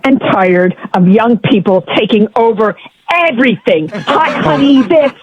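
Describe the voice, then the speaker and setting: A woman's voice: a little high, lively intonation, unhurried, a little hiss or hum. A woman on a phone call that is aired on the radio, indignant and exasperated, raising her voice. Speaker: prank call victim. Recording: radio broadcast over phone with crowd.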